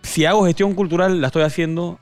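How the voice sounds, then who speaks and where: A man, a music producer speaking as a guest in a casual interview, often halting and repeating words as he thinks. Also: high voice, fairly even intonation.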